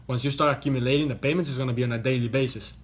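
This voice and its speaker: A young man from Costa Rica, talking to camera from a hotel room. His explaining is loose and chatty, full of restarts and repeated words, with a voice sitting at an ordinary middle pitch. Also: fairly even intonation, rapid-fire. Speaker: online business vlogger.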